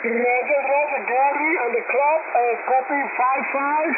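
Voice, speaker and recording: A man's voice: very high voice, steady tone, a little slow, phone-quality sound. A man working as an amateur radio operator, giving signal reports over shortwave radio static and repeating his phrases and procedure words.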